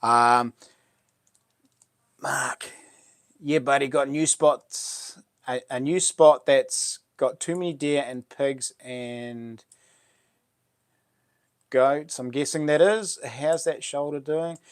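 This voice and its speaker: A man hosts a casual live chat in a broad New Zealand accent. His voice sits at an ordinary-to-deepish male pitch and is recorded dry, with little room sound. He talks in loose, matey Kiwi slang, answering viewers as he goes. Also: slow pace, pauses often, no room sound. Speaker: live stream host. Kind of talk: casual livestream chat, reading out comments.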